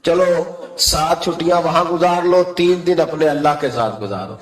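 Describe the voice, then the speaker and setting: Male preacher, passionate sermon delivery swinging soft to loud, fairly high voice, roomy echo. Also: expressive. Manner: impassioned, swings from soft pleading to high emphatic cries. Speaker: Islamic preacher.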